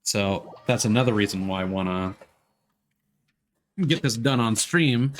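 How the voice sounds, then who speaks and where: Hosting his own gaming livestream, this man rambles and muses aloud in relaxed gameplay chatter. His voice is lowish and a bit slow, with slight background noise audible.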